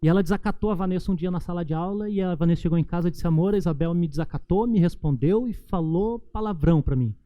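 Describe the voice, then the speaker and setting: Man, pastor, Brazilian Portuguese accent, sermon, high voice, emphatic slow climaxes. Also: no room sound, dull audio. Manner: preaching with emphatic, slowed climaxes.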